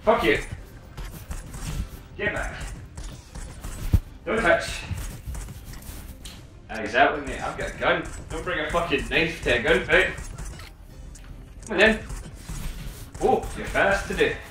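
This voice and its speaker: A young man giving loud, sweary commentary while playing a VR shooter, taunting the enemies and getting out of breath. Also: on the high side, lively intonation, a little slow, pauses often. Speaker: gaming video creator. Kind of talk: excited gameplay commentary. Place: room while playing a VR game. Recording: roomy, distant mic, game music behind.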